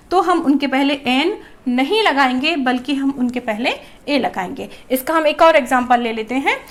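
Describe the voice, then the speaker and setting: High-voiced woman teaching grammar. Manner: asks questions and answers them herself; addresses viewers as children. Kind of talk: classroom grammar lesson.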